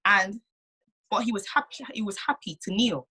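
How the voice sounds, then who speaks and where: A woman's voice: mid-range voice, lively intonation, normal speed, bright, forceful tone, husky. A woman co-hosting a casual chat, talking emphatically and repeating words as she builds up her point. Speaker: co-host.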